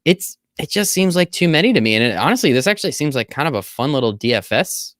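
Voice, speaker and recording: Jokey, energetic man on a sports podcast. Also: fairly high pitch, fast, no room sound, studio quality. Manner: energetic, jokey, swears casually. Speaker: podcast co-host. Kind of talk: casual sports betting chat.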